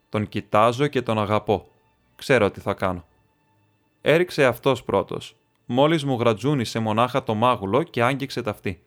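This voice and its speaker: Man reading a novel over soft music. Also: on the low side. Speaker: audiobook reader.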